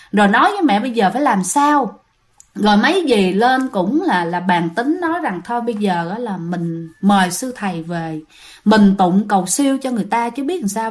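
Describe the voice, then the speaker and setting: A woman with a Southern Vietnamese accent telling a ghost story, animated and often addressing her listeners directly. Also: a little high.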